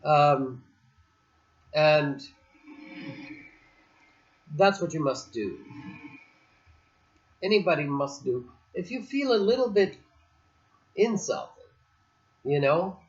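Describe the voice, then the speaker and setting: A man's voice: on the high side, expressive, takes it slowly, pauses often. A man chatting casually on a beach, telling a story in a rambling, digressive way with many restarts. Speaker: host. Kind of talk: casual chat. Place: outdoors on a beach. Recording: dull lo-fi recording.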